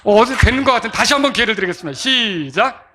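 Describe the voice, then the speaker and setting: A man's voice: high voice, animated, very fast, background noise. A male pastor giving an interactive sermon lesson on hymn rhythm, asking the congregation questions and sounding out beats. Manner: interactive, asks congregation to clap and answer; sings out beats to demonstrate rhythm.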